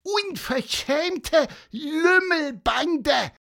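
A man voicing a small, indignant male talking bird who scolds in a shrill, drawn-out voice. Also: animated, vocal fry, pushed and bright, heavily acted.

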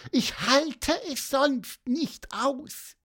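A man's voice: very high voice, extremely slow, a bit bright, voice pushed up, exaggerated voice. A man voicing a small, cheerful, self-important bird in a children's audio story, piping and chatty. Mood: eager. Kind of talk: storybook voice acting.

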